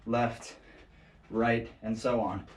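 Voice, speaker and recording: In an indoor training space, a man leads a relaxed martial arts class, cracking jokes and musing aloud while showing moves. His medium-pitched voice is flat and slow. The audio comes from a distant action camera mic, leaving an echoey room sound and a little faint noise.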